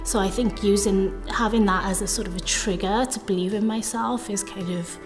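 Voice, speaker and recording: A woman in her thirties from South Wales speaks in a reflective interview at a middle pitch. She sounds earnest, often hedging and restarting her sentences. Faint music plays quietly behind her. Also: steady tone, moderate pace. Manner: earnest, hedging with frequent fillers and self-corrections. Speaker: interviewee, data professional.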